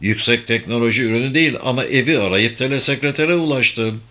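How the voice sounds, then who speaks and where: A man's voice: medium pitch, fast talker, bright, forceful tone, lightly acted. A man voicing an older male spy who talks in a dry, laconic way in an audiobook. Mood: wry.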